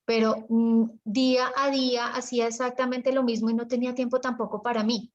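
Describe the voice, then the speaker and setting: Colombian woman, business coach on a video call, animated, raised pitch, dull lo-fi audio. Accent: Colombian Spanish. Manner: chatty and animated, acts out examples with pauses and lowered tone. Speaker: business coach leading an online workshop.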